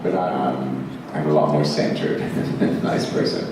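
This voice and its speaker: A Zimbabwean actor with a slow, bass voice fields fan questions on a convention panel, telling rambling, self-mocking stories full of fillers and laughter. He's in a large, echoey convention hall, picked up by a distant mic with plenty of background noise.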